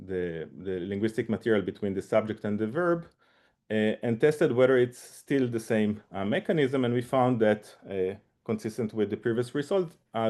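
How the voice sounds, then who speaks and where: A man presenting a research seminar, speaking haltingly with many fillers and restarts. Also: medium pitch, darkish tone. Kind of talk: academic seminar talk.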